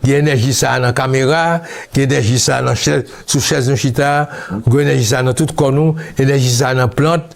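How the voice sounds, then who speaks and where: A man from Haiti, speaking as an interview guest, recalling his childhood in a slow, musing way that mixes Creole and French. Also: mid-range voice, steady tone, creaky. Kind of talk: reflective interview talk.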